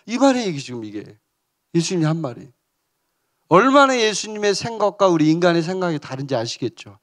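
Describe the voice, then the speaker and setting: A man's voice: high voice, sing-song, a little fast. A pastor preaching a sermon with emphasis, calling out to his congregation and acting out the lines he quotes.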